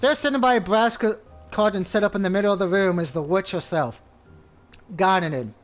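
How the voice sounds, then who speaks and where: Gamer guy reading game text, high voice, faint music behind. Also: normal speed. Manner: crude outbursts between lines. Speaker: gamer reading a visual novel.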